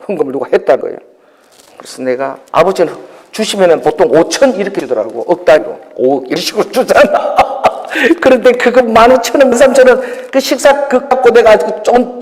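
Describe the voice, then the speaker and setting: Casting: a female pastor giving an animated sermon with testimony, in a hall with a long reverb. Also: mid-range voice. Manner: animated, swings from loud exclamations to soft asides, laughs at herself. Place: church hall.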